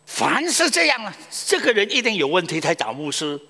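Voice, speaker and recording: A male pastor preaching a sermon, telling stories with loud exclamations and hushed asides. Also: sits high, a little fast, big-room sound. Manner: animated storytelling, swings between loud exclamations and hushed asides.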